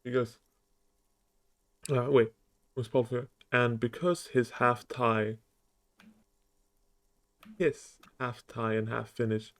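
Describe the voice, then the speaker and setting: A man streaming live, chatting casually in a rambling, excitable way and correcting himself as he goes. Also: medium pitch, slow pace, long pauses.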